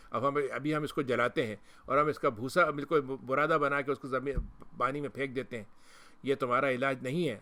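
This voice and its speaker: Bright clear-voiced man teaching scripture. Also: medium pitch. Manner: retells scripture and quotes Arabic verses, with frequent restarts. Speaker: Islamic scholar and lecturer. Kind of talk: Quran commentary lecture.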